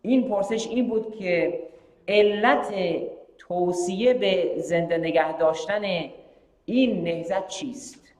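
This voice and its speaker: A man's voice: sits high, a little mellow, roomy sound, long reverb tail. A man preaching a sermon, asking rhetorical questions and repeating phrases. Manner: rhetorical questions, repeated phrases, shifts between Persian and English. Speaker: preacher hosting a live-streamed majlis. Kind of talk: sermon with announcements.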